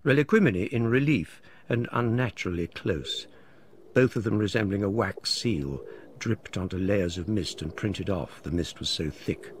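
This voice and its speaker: A man narrating a literary story in an expressive, varied reading. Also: fairly low pitch, moderate pace, slight background noise.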